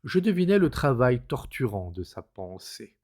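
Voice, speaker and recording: A man narrating a classic novella in an expressive, dramatic reading style. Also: mid-range voice, normal speed. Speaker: narrator, reader.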